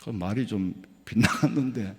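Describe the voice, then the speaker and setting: A man from South Korea, a pastor preaching a midweek sermon with folksy stories, swinging between loud emphatic lines and soft low asides. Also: normal speed. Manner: folksy, anecdotal, acts out dialogue. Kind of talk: sermon with storytelling. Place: church sanctuary. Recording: long hall reverb in church.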